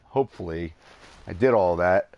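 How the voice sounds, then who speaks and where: A man's voice: sits low, moderate pace, vocal fry, dry recording, highs cut off. A tired man rambling through casual gameplay commentary, chuckling at himself and hesitating often. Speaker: let's play gamer.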